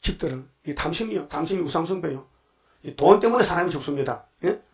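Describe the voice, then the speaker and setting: Older male pastor, dawn sermon, slightly high voice, jabbing rhetorical questions. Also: lively intonation, fast talker. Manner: preaching with rhetorical questions and sudden emphatic bursts.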